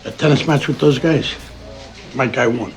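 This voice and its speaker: A man's voice: medium pitch, moderate pace, husky, soft background music, close to an everyday voice. An actor playing a volatile, blunt male mobster in a television crime drama. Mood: blunt talk.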